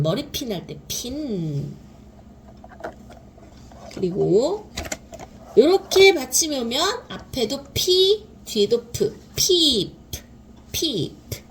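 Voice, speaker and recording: A woman teaching beginner English phonics, sounding out each word slowly and repeating it. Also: sits high, slight background noise. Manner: drawn-out repeated sounding of words. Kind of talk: slow explanatory teaching.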